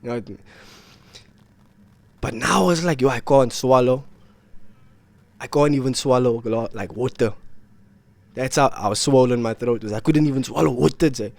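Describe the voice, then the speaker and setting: Ill and exhausted, a young man rambles to his vlog audience about being sick, repeating himself and using lots of slang as he talks to camera. His voice is medium in pitch and creaky, at a normal speed with long pauses, and there's no echo.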